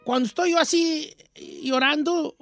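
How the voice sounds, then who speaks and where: A man's voice: extremely high pitch, steady tone, measured pace, fairly bright tone, soft background music, exaggerated voice. A man voicing an old Mexican rancher with a Mexican accent, hosting a radio show and telling a rambling, self-mocking comic story. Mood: folksy storytelling.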